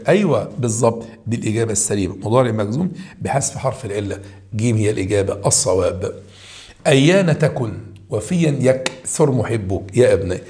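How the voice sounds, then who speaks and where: A man with an Egyptian accent teaching high school grammar. He walks through homework answers, repeating key points and addressing the students directly. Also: darkish tone. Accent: Egyptian Arabic.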